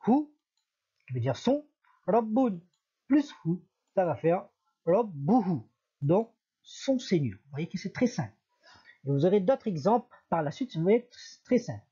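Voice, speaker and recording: A man's voice: high voice, dark tone, breathy edge, dull audio. A man teaching an Arabic lesson, patiently repeating each example and correcting himself as he goes. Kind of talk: recorded language lesson.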